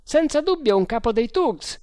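A man voicing an excitable, loyal sergeant who speaks in loud, eager exclamations. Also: very high-pitched, moderate pace, smooth, no room sound, studio quality, voice pushed up. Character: excitable loyal male sergeant, keen and blunt.

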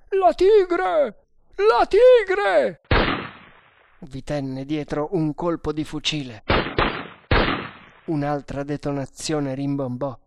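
A woman narrating an adventure novel aloud in a measured, deliberate way. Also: deep voice, darkish tone, no room sound, studio quality. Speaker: audiobook narrator.

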